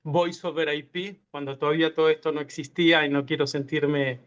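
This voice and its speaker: A man's voice: a little high, level tone, a little fast, fairly bright tone, clear, resonant tone. Hesitant man on muffled call. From Uruguay. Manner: hesitant, many fillers and restarts. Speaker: tech entrepreneur guest. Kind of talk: online panel interview. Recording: muffled lo-fi video call audio.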